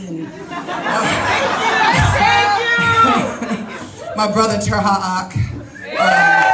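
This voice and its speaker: Woman, candidate's rally speech, emphatic, chatty, echoey hall, crowd and music behind. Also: medium pitch. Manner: emphatic, off the cuff, laughs often. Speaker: political candidate. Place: large indoor event hall.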